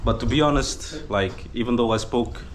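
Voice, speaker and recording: With a mid-range voice at normal speed and a little hiss or hum on the recording, this Danish vlogger in his twenties responds to viewers' questions. He speaks casually and hesitantly, full of fillers, in a Danish accent touched by Fijian, at a village gathering in Fiji.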